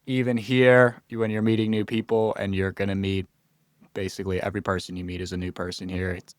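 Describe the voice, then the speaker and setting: A young man from Florida, a college freshman guesting on a podcast, speaks in a low, flat voice, a little fast, with no room sound. In this casual interview chat he talks earnestly, thinking aloud with restarts and quoted asides.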